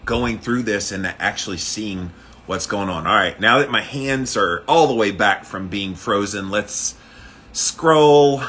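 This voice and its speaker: Bright-voiced man in casual livestream chat. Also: fairly low pitch. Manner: informal, explanatory. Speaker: livestream host doing a daily ice bath challenge. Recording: faint background noise.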